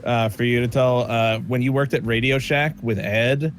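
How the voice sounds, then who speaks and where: A man's voice: mid-range voice, steady tone, moderate pace, a little hiss or hum. A man chatting casually with friends during an online racing game, telling a story and swearing freely. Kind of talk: casual gaming chat.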